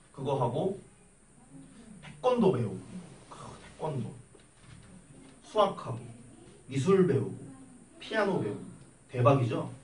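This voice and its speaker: A young man lectures on math to a class, swinging from explanation to rambling anecdote with an animated, questioning manner. His slightly high voice rises and falls widely. He is heard from a distance in a roomy, echoing classroom with a faint hiss underneath. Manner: chatty, animated, teasing questions to students. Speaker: math teacher.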